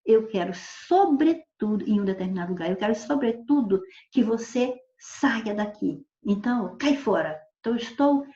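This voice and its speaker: A woman's voice: fairly high pitch, lively intonation, normal speed, few pauses, warm tone. A woman teacher giving a recorded grammar lesson, patiently explaining through spoken examples and often checking in with her students. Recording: echoey room, dull lo-fi sound.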